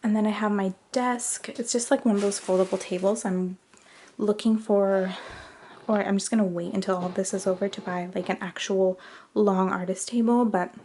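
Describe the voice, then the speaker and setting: A young woman giving a casual tour of her cluttered bedroom on a handheld camera, rambling with lots of fillers and dropping into soft whispered asides. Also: medium pitch, fairly even intonation, normal speed, slight background noise. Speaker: vlogger.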